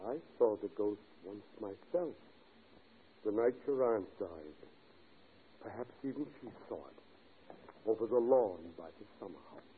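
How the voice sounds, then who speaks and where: An actor playing a droll professor in an old radio drama, theatrical and insinuating. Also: male voice, fairly low pitch, lively intonation, unhurried, pauses often, phone-quality sound. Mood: eerie insinuation. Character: droll, needling professor who believes in ghosts. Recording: noisy, band-limited old radio recording.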